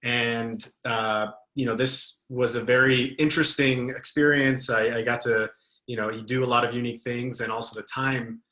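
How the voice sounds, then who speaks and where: Flat-voiced, bright young American man. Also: mid-range voice, normal speed, poor audio. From United States. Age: young adult. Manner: hesitant, many fillers and restarts. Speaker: guest speaker. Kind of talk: casual personal account.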